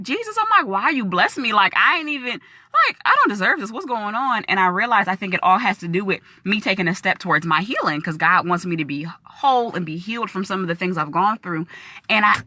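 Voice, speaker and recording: Young woman, bright tone, chatty live video talk, lots of likes and ums. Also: fairly low pitch, dry recording.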